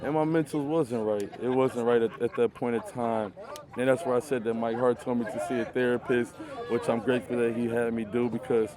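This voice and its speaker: A man's voice: medium pitch, steady tone, a little fast. A young man from Michigan, a college football player, talking earnestly and loosely with many fillers in an outdoor interview. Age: young adult. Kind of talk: casual interview talk. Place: outdoors at a youth football camp. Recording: crowd noise outdoors.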